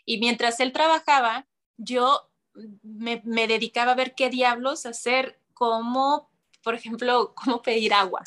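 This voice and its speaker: A woman's voice: fairly high pitch, unhurried. A woman, casually telling a story as a guest and acting out voices. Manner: animated, acts out voices, laughs often.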